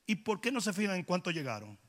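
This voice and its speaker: A man with a Dominican accent preaching a humorous sermon, telling stories with comic voices and building to loud, emphatic peaks. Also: sits high, very animated, quick pace. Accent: Dominican Spanish. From Dominican Republic. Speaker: pastor.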